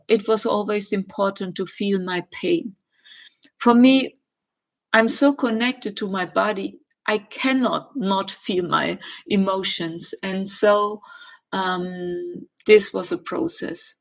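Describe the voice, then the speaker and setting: A middle-aged woman with a German accent, answering viewer questions in a live chat and pausing often with ums and uhs. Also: medium pitch, steady tone, gravelly. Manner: hesitant, many ums and uhs, gentle.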